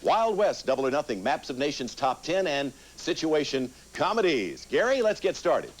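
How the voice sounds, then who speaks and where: A man's voice: a little high, very animated, normal speed. A man hosting a game show, talking conversationally to contestants and reading out questions. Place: television game show studio with audience. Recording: TV studio sound with audience noise.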